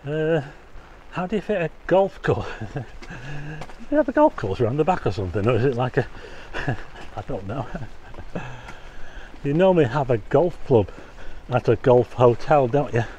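A walking tour vlogger strolls outdoors in the rain, narrating casually, chatting, asking viewers things and slipping in wry comments. His mid-range voice swings widely in pitch at a normal pace with many pauses; the sound is mellow, the highs are cut off, and there's a faint hiss or hum.

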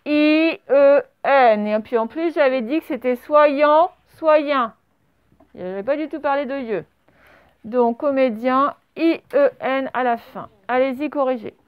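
Speaking smoothly and a little slowly in a high voice, a woman dictates to a primary school class, breaking words into syllables and spelling each one letter by letter. The recording is dry, slightly dull, and lo-fi.

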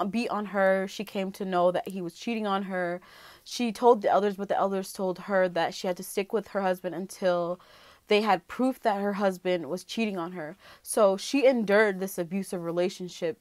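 A woman vlogger chats loosely to her viewers, rambling, restarting her sentences and filling the gaps with ums. Her voice sits a little low and sounds close and dry, with no room around it. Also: a little mellow, dry recording. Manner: rambling, many fillers and restarts. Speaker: YouTuber reacting to a video. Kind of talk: casual reaction vlog chat.

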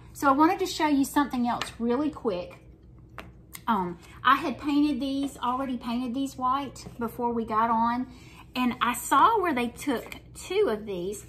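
Her voice runs on the high side with a fairly bright tone, and there's a touch of hiss or hum. She's a middle-aged Southern US woman, a craft painting host chatting folksily as she works at her kitchen table indoors.

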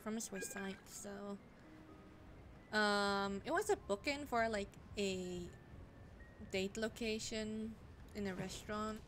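A young woman streaming a game, chatting casually with lots of fillers and blunt swearing. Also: medium pitch. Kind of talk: casual chat while gaming. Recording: noisy home stream mic.

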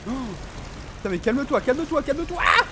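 A man's voice: extremely high pitch, sing-song, fast, background noise. A man streaming a horror game, commenting live, swearing often and talking back to the enemy on screen. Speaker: gaming streamer.

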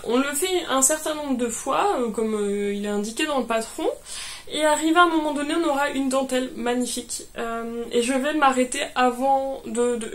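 A young woman chatting about her knitting projects, hesitant and full of fillers, cheerful and laughing often. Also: sits high. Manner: hesitant, many fillers and restarts. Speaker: knitting vlogger. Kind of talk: casual show-and-tell chat.

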